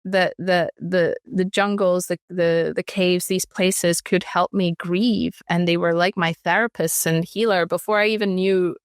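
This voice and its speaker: A woman's voice: lowish voice, fairly even intonation, unhurried, few pauses, no echo, studio quality. A woman in her thirties from Ecuador, speaking reflectively as an interview guest, often restarting her sentences. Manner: reflective, frequent restarts and fillers. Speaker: guest, artist. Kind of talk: conversational interview.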